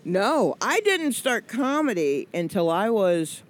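A sing-song, medium-pitched woman in her forties from Atlanta in the US South speaks slowly over slight background noise. She's a comedian guest in a casual interview, rambling and joking with plenty of fillers.

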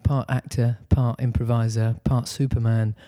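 A man's voice: medium pitch, little pitch movement, moderate pace, mellow. A man hosting a podcast as a casual chat, recorded in a big echoey performing room. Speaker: podcast host. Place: main performing room of an improv theatre.

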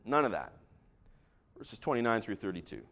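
A man preaching a sermon, moving from hushed scripture reading to loud, excited exhortation, mixing folksy slang with scripture. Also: fairly low pitch, normal speed. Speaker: pastor.

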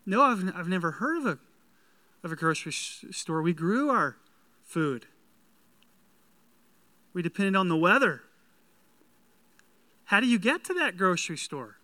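A man's voice: high-pitched, big pitch swings, unhurried, pauses often, bright, forceful tone, no room sound, full character voice. A man playing an astonished, curious visitor from ancient times in a sermon skit, full of wide-eyed questions. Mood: puzzled.

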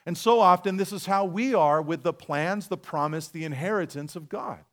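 Male pastor preaching, kinda high voice, chatty, asks the room questions. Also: moderate pace, a bit bright. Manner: conversational preaching with rhetorical questions to the congregation. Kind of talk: sermon. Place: church sanctuary.

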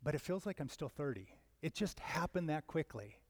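A man's voice: fairly high pitch, expressive, normal speed, no echo. Earnest fifty-something man preaching a sermon. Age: 50s. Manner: earnest, conversational preaching with sudden loud emphatic swells. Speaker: pastor.

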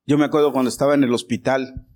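A man's voice: mid-range voice, fairly even intonation, fast talker. A male pastor giving a storytelling sermon, addressing the congregation as brothers and growing emphatic as he preaches. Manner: personal anecdote, addresses congregation as brothers, grows forceful and emphatic.

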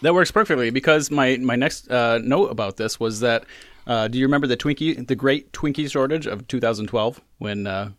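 A man's voice: medium pitch, brisk, no echo, clean studio sound. A man co-hosting a casual food-tasting show, chatting about the taste and sharing trivia between bites. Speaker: co-host.

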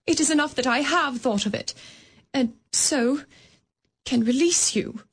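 Belle, a woman playing a sorrowful young woman, high-voiced and earnest, radio play. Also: husky. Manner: gentle, earnest, measured. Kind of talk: radio drama acting.

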